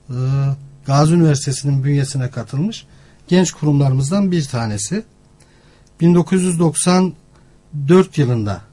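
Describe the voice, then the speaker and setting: A male academic with a mellow, slightly high voice. He explains things formally, in measured phrases broken by pauses, as an interview guest. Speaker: university language centre director, professor. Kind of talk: formal informational interview answers.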